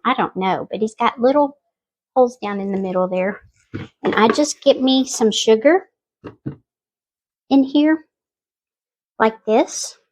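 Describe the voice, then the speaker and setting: A woman's voice: a little high, husky. A woman hosting a casual cooking demonstration, chatty and homey as she talks viewers through each step. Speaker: home cooking channel host.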